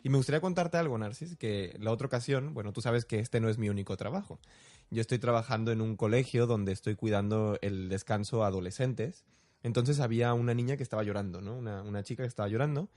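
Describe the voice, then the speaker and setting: A man's voice: fairly low pitch, fast, darkish tone. Young man, reflective. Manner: storytelling, reflective, asks rhetorical questions. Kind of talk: casual conversational chat.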